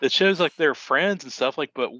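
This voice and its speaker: Man, hesitant podcast co-host, bright tone, dry close mic. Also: on the high side, normal speed, no room sound. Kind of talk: casual movie review chat.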